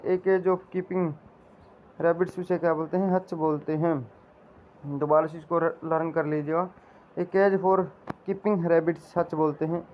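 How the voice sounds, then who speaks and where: A man teaches exam vocabulary at a deliberate, unhurried pace, his voice sitting fairly high and staying level. He drills each word through repetition. The recording is a bit dull, with faint background noise. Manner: repeats answers as drills, reads English definitions slowly. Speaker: English teacher. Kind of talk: exam-prep lesson.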